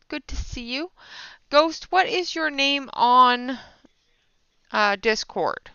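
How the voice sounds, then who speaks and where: This livestream art host has a fairly high, sharp, clean voice as she walks viewers through a casual coloring tutorial and chats along the way. A sinus infection leaves her stuffy and sniffly, and the dry recording is dull and lo-fi.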